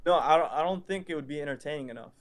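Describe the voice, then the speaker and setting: A man's voice: on the high side, rapid-fire. Blunt young man in casual chat. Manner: blunt, emphatic, repeats himself for stress. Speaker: content creator.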